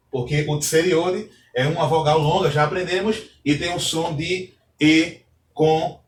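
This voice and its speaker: Male teacher, fairly high voice, patient and repetitive, recorded from a distance. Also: slight background noise. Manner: patient, repeats key points, asks the class questions. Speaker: Hebrew teacher. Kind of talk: recorded lesson, explaining step by step. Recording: echoey room, distant from mic.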